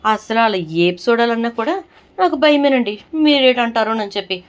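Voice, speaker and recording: A woman's voice: a little high, normal speed, a little hiss or hum, voice pushed up, close to an everyday voice. A woman voicing a scheming young daughter-in-law who pleads and protests her innocence in a retold serial. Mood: pleading.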